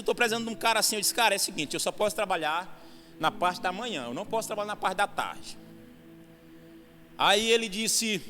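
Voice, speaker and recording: Man, very high voice, bright and forceful tone, fervent testimony sermon, long church-hall reverb, soft music behind. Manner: fervent storytelling, rising to shouts at climaxes. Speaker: preacher giving testimony.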